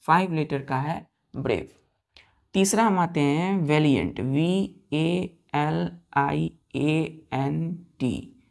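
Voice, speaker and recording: A woman's voice: sits low, gravelly, darkish tone. A woman with an Indian accent teaching English vocabulary, spelling each word letter by letter and repeating questions to her students. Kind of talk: classroom vocabulary lesson.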